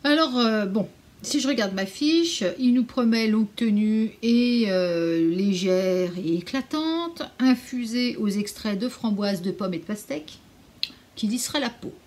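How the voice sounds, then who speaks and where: Her voice leans high, animated and a little mellow, and she speaks somewhat slowly. This woman is chatting through a casual anti-haul vlog from home, offering frank, mildly sarcastic opinions and cooing at her cat from time to time.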